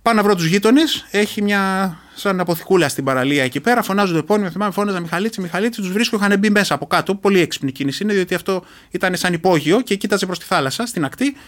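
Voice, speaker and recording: A middle-aged man from Greece, speaking with a notably high voice as an interview guest. He retells a personal experience earnestly and with feeling, often restarting his sentences mid-thought. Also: fairly bright tone. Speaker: interview guest, reserve commando.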